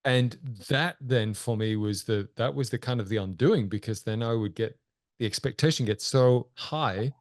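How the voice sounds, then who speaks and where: A man co-hosting a podcast, a father speaking earnestly and thoughtfully, pausing and restarting as he works through his ideas. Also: medium pitch, no room sound, studio quality. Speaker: podcast co-host. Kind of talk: reflective interview talk.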